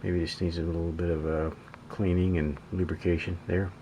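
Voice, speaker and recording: In a rough recording with a little hiss or hum, a man with a low, dark voice and flat delivery muses to himself while repairing radios as a hobby at an indoor workbench. He narrates haltingly and hesitantly, in a casual way.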